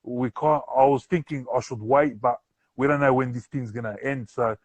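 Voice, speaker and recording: Male podcast host, broad Kiwi accent, medium-low pitch, dry close sound, loose slangy chat full of "bro". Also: fairly even intonation, normal speed, no echo. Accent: broad New Zealand. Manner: slangy, affirming, often says bro. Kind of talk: casual interview chat. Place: remote live-stream call.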